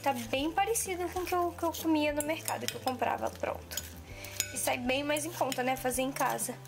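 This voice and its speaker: High-pitched, gravelly and fairly quick, a woman in her twenties chats through her home cooking vlog. She often restarts sentences and fills pauses with fillers in a casual, hesitant way. A camera mic at arm's length records her kitchen, where background music plays and dishes clink.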